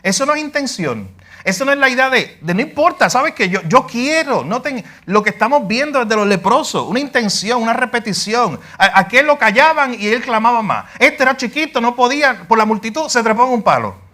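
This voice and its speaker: A man preaching a Bible class sermon in Puerto Rican Spanish. He is animated, rises to shouting when he quotes the cries, and puts questions straight to the listeners. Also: very high voice, fairly quick. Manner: asks the listeners questions directly. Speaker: pastor.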